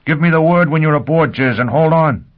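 Narrator guy doing a wild space pilot yelling, pitched up and loud, muffled lo-fi sound. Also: brisk, lightly acted. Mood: frantic. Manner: shouting, raw and urgent. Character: fierce, reckless male spaceship pilot.

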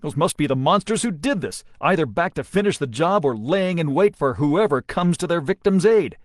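A man's voice: fairly high pitch, lively intonation, moderate pace, no room sound, studio quality, voice pushed up, natural voice. A man voicing a starship captain who gives firm, commanding orders. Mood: grim. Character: steady male starship captain giving orders.

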